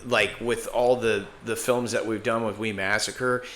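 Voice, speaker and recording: Low-voiced man rambling in casual chat. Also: unhurried, slight background noise. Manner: rambling, loose and animated, swears freely. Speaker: podcast co-host.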